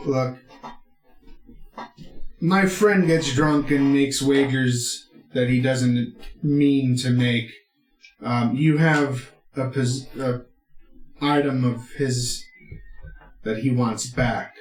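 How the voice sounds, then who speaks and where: A man's voice: medium pitch, very slow, long pauses, echoey room, rough recording. A man voicing creatures in a tabletop game, terse and demanding. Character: suspicious orc, then a scheming kenku.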